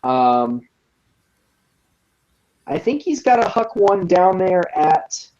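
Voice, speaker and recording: A woman narrating as game master of a tabletop game, relaxed and hesitant with frequent ums. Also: fairly low pitch, slow pace, highs cut off.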